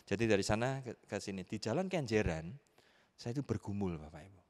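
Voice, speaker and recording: Middle-aged male pastor, lowish voice, animated storyteller, long church-hall reverb. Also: a little fast. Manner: animated storyteller, acting out family members' voices with sharp leaps in pitch. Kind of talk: sermon with personal story. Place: church sanctuary.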